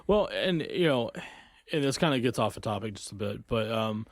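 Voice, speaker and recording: A man's voice: on the low side, expressive, normal speed, no echo. A man co-hosting a podcast in casual chat, rambling and circling back as he talks, recorded on a close mic. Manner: rambling, trails off and restarts. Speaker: podcast co-host.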